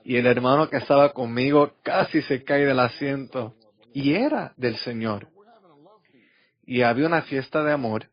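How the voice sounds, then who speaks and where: A man's voice: mid-range voice, normal speed. A middle-aged man preaching a sermon and telling personal stories, acting out the voices of the people he quotes. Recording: dull lo-fi recording.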